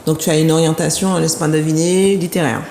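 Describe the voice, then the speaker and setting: A chatty woman hosts an interview, teasing her guest lightly and often repeating words. Her voice is a touch low and bounces around an echoey room, with faint noise behind. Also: little pitch movement, fast, dark tone. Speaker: talk show host. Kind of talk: casual interview.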